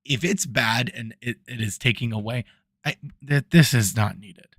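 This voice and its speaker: A man's voice: mid-range voice, normal speed, a bit bright, dry recording. A man running a tabletop game as dungeon master, rambling with lots of ums, his voice fading as he moves off the mic. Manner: rambling, full of ums and restarts; moves around, voice swells and fades off the mic. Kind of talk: casual tabletop game narration. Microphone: new desk microphone.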